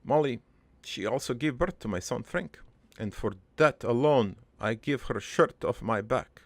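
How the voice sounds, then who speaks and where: Playing a cartoon character named Joey, a crude, wistful, rambling immigrant father who is middle-aged and foreign-born, a man delivers a deadpan, halting, improvised monologue about his life. His gravelly voice is medium-pitched, recorded with no room sound, and the mood is resigned.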